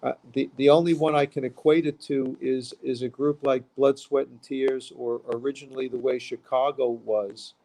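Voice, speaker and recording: Man, New from Queens, gravelly voice, middle pitch, relaxed interview talk, bandleader. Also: moderate pace, hardly any pauses, poor audio. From Queens, New York. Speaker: interview guest, musician and bandleader. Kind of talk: casual interview conversation.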